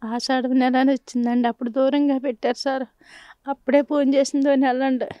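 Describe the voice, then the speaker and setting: A woman's voice: high voice, little pitch movement, dark tone, clean tone, dry recording. Grieving Telugu-accented mother, dull recording. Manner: grieving, halting, pleading. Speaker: mother of the victim. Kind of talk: emotional news interview. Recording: dull lo-fi sound.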